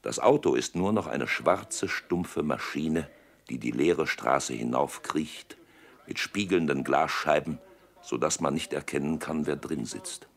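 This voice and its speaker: A man narrating a literary script in a deliberate, evocative manner with dramatic pauses. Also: very deep voice.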